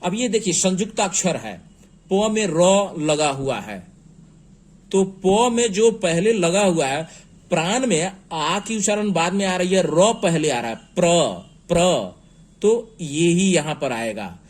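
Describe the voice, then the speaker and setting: A man teaching a spelling lesson, slow and patient, spelling words out letter by letter. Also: sits high, animated. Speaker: English teacher.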